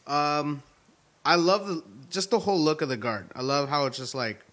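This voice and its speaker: A man joins a podcast chat as a goofy guest who laughs and curses freely. His voice is somewhat high and very bright. He sounds forceful and sharp. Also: expressive, moderate pace. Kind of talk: casual chat.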